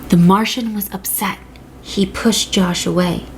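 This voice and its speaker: Slow, gentle woman reading a picture book. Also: mid-range voice, steady tone, background noise. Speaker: reader.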